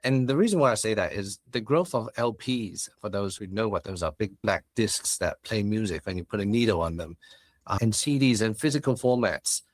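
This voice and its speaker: A man in his forties from Hong Kong, founder of a business, talks expansively as a guest in a laid-back podcast interview. His voice is on the low side and animated, moving at a moderate pace, with an Australian, British and Cantonese mix in his accent and no echo.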